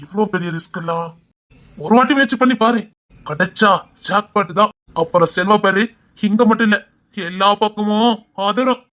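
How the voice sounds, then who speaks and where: A smooth male business partner, voiced by a woman in an audio drama. He talks persuasively and urges a risky deal. His pitch sits in an ordinary middle range. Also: normal speed, a bit bright, close to an everyday voice.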